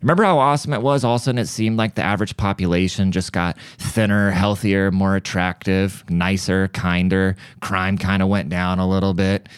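A man's voice: sits low, fairly even intonation, fairly quick, hardly any pauses, clear, resonant tone, no echo, studio quality. A young man hosting a podcast, telling crude, irreverent stories in a casual comic monologue. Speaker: podcast host.

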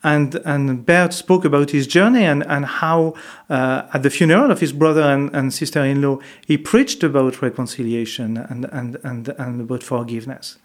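A French-accented man from France, a monk, tells reflective stories in an interview. His pitch is medium, his pace normal with hardly any pauses, though his delivery is hesitant, with many fillers and restarts.

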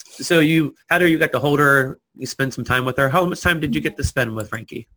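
A man hosting a podcast interview, gently encouraging and affirming his guest. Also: medium pitch, a little fast, low-quality recording. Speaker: podcast host. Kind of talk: conversational interview.

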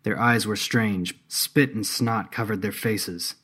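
A man narrating a scripted story in a steady, measured way. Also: lowish voice, husky.

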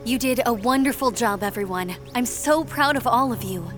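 A woman voicing a proud, caring mentor figure in an animated adventure. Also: a little high, normal speed, over music, lightly acted. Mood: relieved, proud. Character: proud, caring female cartoon mentor, Nova. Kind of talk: animated adventure cartoon acting.

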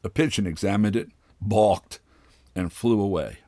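Low-voiced man reading a story aloud. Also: unhurried, dark tone, dry recording, clean studio sound. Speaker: host reading short stories. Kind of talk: literary read-aloud narration.

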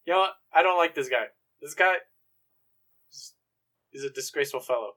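A man's voice: fairly high pitch, animated, brisk, bright, forceful tone. A young man co-hosting a casual podcast chat, playful, with exaggerated outbursts. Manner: playful, exaggerated outbursts, calls friend bro. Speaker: podcast co-host.

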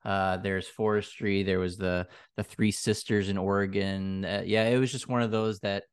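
A man's voice: lowish voice, level tone, moderate pace, clear, resonant tone, no echo, studio quality. A man speaking as an interview guest, explaining his design work in casual conversation.

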